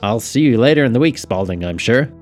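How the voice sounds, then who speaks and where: A man voicing a polite, eager townsman who speaks brightly and a little louder. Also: mid-range voice, animated, fast, pitched above the performer's own voice, close to an everyday voice. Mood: cheerful. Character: cheerful, courteous town official in his office.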